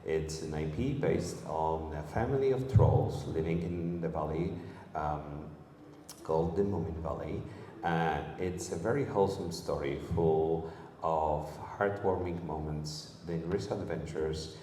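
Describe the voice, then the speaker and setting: A man hosting a convention panel, friendly and halting with many fillers. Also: very deep voice, dark tone. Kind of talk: convention stage presentation. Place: convention hall stage. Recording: roomy echo, long hall reverb, faint hall noise.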